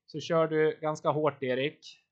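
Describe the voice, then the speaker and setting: A man's voice: on the high side, flat delivery, highs cut off. A man coaching his team live over voice chat during a virtual bike race, encouraging riders and calling out watts and turns.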